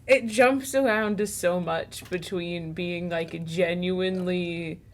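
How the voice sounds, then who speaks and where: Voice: mid-range voice, fairly even intonation, takes it slowly. A podcast host in casual chat, laughing often and talking enthusiastically about movies.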